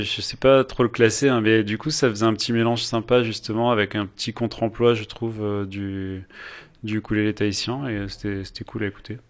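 A man's voice: on the low side, smooth. A man co-hosting a music radio show, talking casually and hesitantly.

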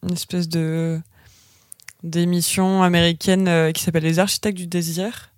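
A woman's voice: fairly low pitch, little pitch movement, normal speed, darkish tone, no room sound, clean studio sound. A woman chatting casually on a podcast, hesitant and full of fillers. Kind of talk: casual chat.

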